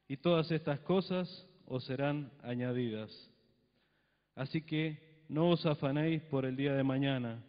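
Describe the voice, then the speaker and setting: A middle-aged Argentine pastor with a medium-pitched voice reads scripture with solemn emphasis, then speaks plainly with the congregation. He uses a handheld mic in a church hall, and the recording has long church reverb and a dull lo-fi broadcast sound.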